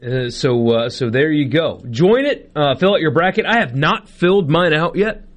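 A man's voice: on the high side, lively intonation, moderate pace. An American man hosting live sports talk radio in a casual, conversational way, spelling out details for listeners.

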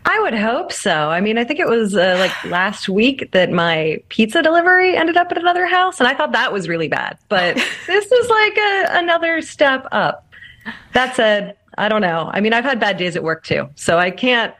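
A woman's voice: fairly high pitch, very animated, moderate pace, a bit bright. Wry, self-deprecating woman co-host. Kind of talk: casual chat.

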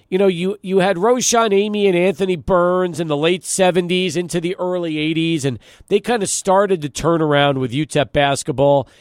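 Speaking from a radio studio, this middle-aged sports talk radio host chats with callers and prompts them, conversational yet emphatic as he punctuates each point. His pitch sits fairly high, and the recording is studio quality with no room sound.

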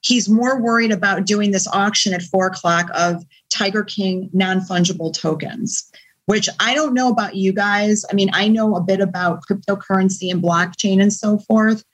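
A female co-host who briskly recaps a news story with a wry edge. Her voice sits at an ordinary middle pitch. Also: low-quality recording. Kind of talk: casual news talk.

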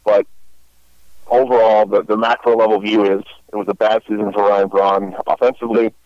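A man's voice: fairly low pitch, flat delivery, normal speed, a little mellow, no echo, lo-fi sound. A man hosting a baseball podcast in casual chat, rambling with many fillers and restarts. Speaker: podcast host.

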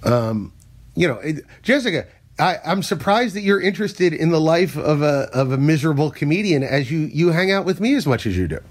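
A stand-up comedian, male, tells self-deprecating stories in a casual podcast chat, getting animated when he launches into his bits. His voice sits on the high side and moves briskly.

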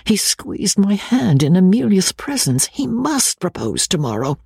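A man's voice: sits high, very animated, measured pace, creaky, a little mellow, slightly rough, no echo, studio quality, voice pushed up, heavily acted. A man voicing a scheming young woman murmuring her private thoughts in a storybook reading. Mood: calculating.

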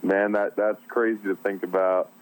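Young guy from new jersey, low voice, upbeat and psyched guest on a show. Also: moderate pace, low-quality recording. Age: 20s. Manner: excited, upbeat. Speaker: guest, competitive angler. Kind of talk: casual interview.

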